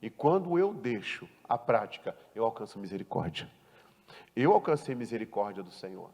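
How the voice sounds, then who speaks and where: A man pastor preaching a sermon, emphatic and full of rhetorical questions, swinging from loud to hushed. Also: fairly low pitch, sing-song, moderate pace, big-room sound. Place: church.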